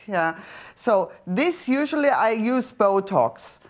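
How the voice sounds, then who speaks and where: A middle-aged woman with a German accent, a skincare doctor presenting a serum on a TV shopping channel, explaining in slightly halting non-native phrasing. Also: medium pitch, animated. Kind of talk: TV shopping product demonstration. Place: TV studio set. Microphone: lapel mic.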